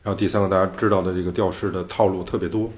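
A man's voice: low voice, level tone, racing. A man hosting a podcast, explaining music theory in loose, casual talk. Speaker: podcast host. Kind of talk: casual chat.

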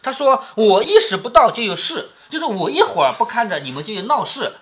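Lively, bright-voiced father explaining a story. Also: high-pitched, a little fast. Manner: keeps asking tag questions like "isn't it?" to check understanding; reads quoted lines with a raised, acted lilt. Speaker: father reading a classic novel to his daughter. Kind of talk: reading aloud and explaining the text.

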